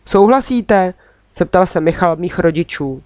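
A woman narrating a children's story in the first person, with lively, expressive delivery. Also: mid-range voice, dry recording, clean studio sound. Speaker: audiobook reader.

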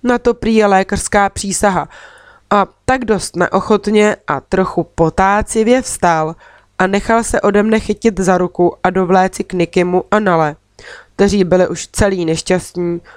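A woman reads a children's storybook aloud in a steady, expressive way, close to the mic. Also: mid-range voice, no echo. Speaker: audiobook reader.

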